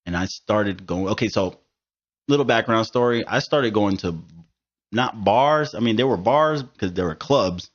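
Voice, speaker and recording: A man's voice: fairly low pitch, animated, moderate pace. Profane thirty-year-old man, lo-fi sound. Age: 30s. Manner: profane, emphatic storytelling. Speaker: podcast host. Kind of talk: casual podcast chat. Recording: dull lo-fi studio recording.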